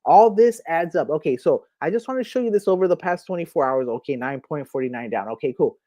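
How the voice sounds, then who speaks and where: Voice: mid-range voice, animated, fast, mellow, no echo. Hyped crypto host with a dry sound. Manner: hyped, keeps repeating "okay?" and "right here"; addresses viewers as "my people". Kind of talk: screen walkthrough commentary.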